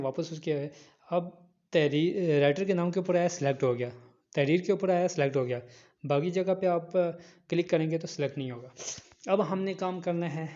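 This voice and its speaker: A man's voice: a little high, warm tone. Man explaining an editing app, lo-fi. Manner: step-by-step, repeats instructions. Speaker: online teacher. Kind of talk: screen-recorded app tutorial.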